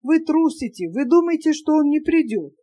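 A woman's voice: high voice, big pitch swings, moderate pace, warm tone, voice pushed up. A woman voicing a shy, lovesick young man who speaks in an earnest, pleading, heartfelt way, in an audiobook reading. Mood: urgent.

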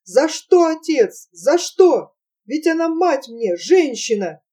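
A woman's voice: slow, dark tone. Woman voicing a desperate young son, voice breaking. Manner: pleading, shrill, breaking childish voice.

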